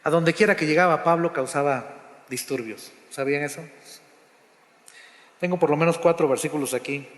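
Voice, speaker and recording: A man preaching a sermon, dramatic, acting out quotes and dropping to a hushed low voice. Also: moderate pace, long pauses. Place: church sanctuary. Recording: roomy hall with long reverb.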